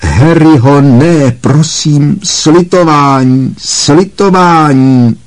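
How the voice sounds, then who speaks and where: A man doing a terrified mother begging. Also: natural voice. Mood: desperate pleading. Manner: high, slow, desperate pleading.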